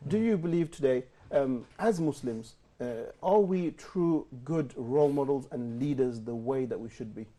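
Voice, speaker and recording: A man hosting a live studio talk show, posing clear, emphatic questions to his guests. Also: mid-range voice, moderate pace, few pauses, warm tone. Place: television studio.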